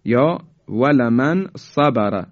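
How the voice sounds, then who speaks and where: A male teacher giving a recitation lesson, explaining quickly and then reciting each example slowly and drawn out. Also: mid-range voice, lively intonation. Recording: dull lo-fi recording.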